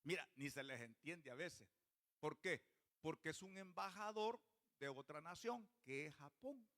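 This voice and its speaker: A high, bright male voice delivers a church sermon. He keeps questioning the congregation as he preaches. His tone is sharp and forward. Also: animated, measured pace. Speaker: pastor.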